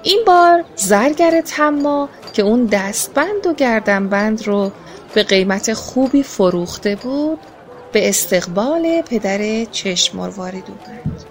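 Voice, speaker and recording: A woman narrating a children's story in a gentle, expressive reading voice. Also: fairly high pitch. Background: faint music.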